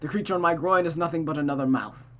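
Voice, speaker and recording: A streamer reads a visual novel aloud with dramatic narration and casual asides, using a mid-range voice at a fast clip. The delivery is expressive, and misread sentences often get restarted.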